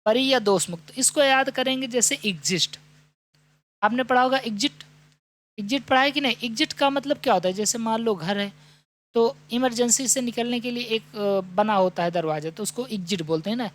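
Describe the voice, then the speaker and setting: A man teaching an exam-prep vocabulary lesson. He reads the English definitions slowly, explains them, and keeps asking and answering his own questions. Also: extremely high pitch, fairly bright tone.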